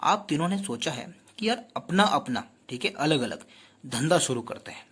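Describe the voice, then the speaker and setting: Male tutor with a slightly husky voice, explaining patiently and quizzing the class. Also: fairly high pitch, animated, moderate pace, fairly bright tone. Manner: explanatory, addresses students directly with rhetorical questions. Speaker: teacher. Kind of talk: exam-prep lecture.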